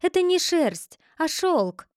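A woman reading a storybook, voicing a gentle but stubborn poor shepherd girl. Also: very high-pitched, takes it slowly, no echo, studio quality, voice pushed up, heavily acted. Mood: calm. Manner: quiet, calm, firm.

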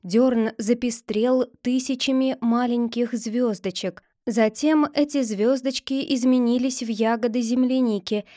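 A woman narrating a fairy tale aloud in a calm, even storytelling manner. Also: fairly high pitch, unhurried, few pauses, dry recording, clean studio sound.

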